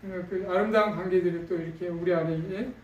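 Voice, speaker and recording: A man's voice: sits high, steady tone, fast talker, a little mellow, muffled recording, slight background noise. A male pastor preaching a sermon in a conversational way, with fillers and questions to the congregation. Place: church sanctuary. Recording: echoey room, distant mic.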